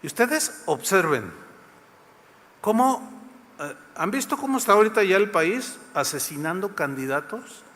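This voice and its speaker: Mexican man, pastor, sermon, lively storytelling, high voice, echoey hall. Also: unhurried. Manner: lively retelling, acts out the scenes, addresses the congregation.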